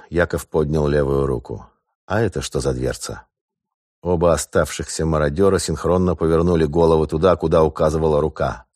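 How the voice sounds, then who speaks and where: Deep-voiced male audiobook narrator. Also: darkish tone, dry recording, clean studio sound. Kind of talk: scripted narration.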